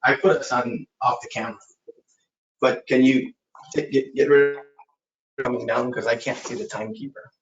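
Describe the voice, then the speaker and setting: Hurried man, echoey lo-fi room. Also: medium pitch, steady tone, recorded from a distance. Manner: hurried, asking for tech help. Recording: echoey dull audio with faint noise.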